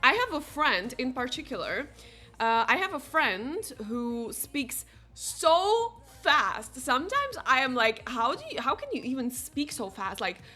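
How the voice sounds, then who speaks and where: A young Slovak woman, not a native English speaker, chats casually with viewers while streaming a game, reading their messages aloud and saying "like" constantly. Her voice sits high and sounds pushed and bright, with big pitch swings at a measured pace. Faint game music plays underneath.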